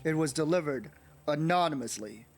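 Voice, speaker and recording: A man's voice: fairly high pitch, lively intonation, normal speed. A man voicing a stern judge questioning a witness in a game read-through.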